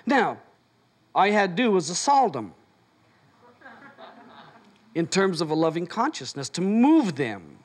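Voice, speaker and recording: A man's voice: high-pitched, very animated, a little slow, pauses often. A man leading a motivational seminar, telling stories and acting out both sides of the conversations. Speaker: seminar leader. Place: seminar room before an audience.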